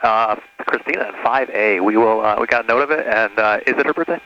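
A man's voice: lowish voice, fairly quick, sharp tone. A man working as an airline pilot, answering in a clipped, matter-of-fact way over his cockpit headset radio, with small hesitations. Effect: cockpit headset radio transmission. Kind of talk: clipped air traffic radio exchange. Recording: muffled lo-fi radio audio.

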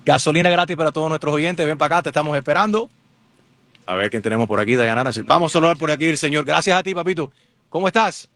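A man's voice: fairly high pitch, expressive, a bit bright, dry recording. A man hosting a live radio remote outdoors, chatting and teasing listeners at a giveaway. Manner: joking, teasing, fast-talking. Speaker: radio host.

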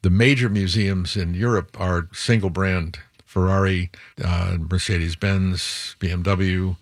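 An older man with a very low voice appears as a museum executive in an interview, speaking a little slowly with fairly even intonation. He rambles somewhat, restarting and correcting himself as he strings lists together. The sound is dry and close, with no room echo.

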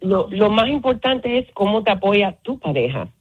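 A woman psychologist calmly explaining family relationships as a guest on a radio talk show. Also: medium pitch, moderate pace, husky. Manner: calm, explanatory, mixes in English words. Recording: phone line.

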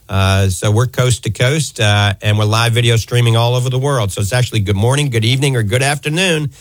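On his live health talk radio call-in program, an American eye doctor from around New Orleans speaks fluently and with emphasis, close to a studio microphone. His voice is mid-range and the recording is dry.

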